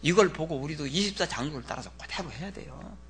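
A pastor preaching to a congregation, swinging from loud dramatic outbursts to soft near-whispers. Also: male voice, on the high side, animated, fast. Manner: dramatic, shouts in character then drops to near whispers. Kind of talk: sermon with congregation repeating verses.

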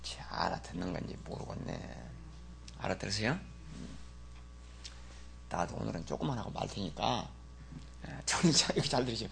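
A man preaching a sermon as pastor, folksy and teasing, swinging from loud exclamations to muttered asides. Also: on the low side, sing-song, normal speed, gravelly, pauses often, a little hiss or hum.

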